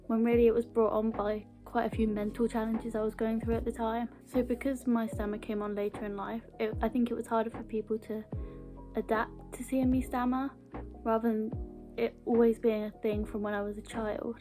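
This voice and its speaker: Speaking brisk and flat, her pitch on the high side, a young British video blogger addresses the camera in an earnest, casual, personal way. A mild stammer makes her repeat small words now and then, and music plays behind her.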